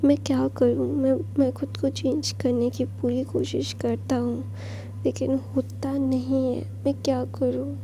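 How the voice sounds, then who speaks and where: A woman voicing a remorseful injured young man who pleads in a soft, half-whispered way. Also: high-pitched, flat delivery, a little slow, vocal fry, a little hiss or hum. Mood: pleading, remorseful.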